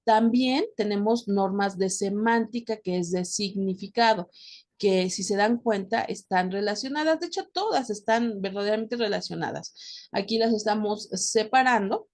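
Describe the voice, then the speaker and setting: Woman, Mexican accent, teacher, patient explanatory lecture, mid pitch. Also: a little slow, a little mellow. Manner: explanatory, checks in with "¿verdad?"; addresses students directly. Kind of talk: recorded class lecture.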